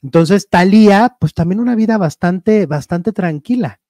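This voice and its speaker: A man hosting a casual entertainment chat, gossiping in an animated way and acting out quotes playfully. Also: high voice, moderate pace, no room sound, studio quality. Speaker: show host.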